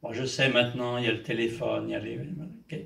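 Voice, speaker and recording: A man's voice: medium pitch, fairly even intonation, brisk, vocal fry, a bit bright. An older man preaching a sermon as pastor. He preaches with emphasis and often breaks in with amen and hallelujah. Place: church. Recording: echoey church hall, mic at a distance.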